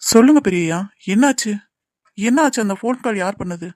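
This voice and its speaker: A man's voice: high-pitched, expressive, fairly quick, darkish tone, no echo, studio quality. A man voicing a young man in a cartoon drama who earnestly pleads with and comforts the family. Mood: urging.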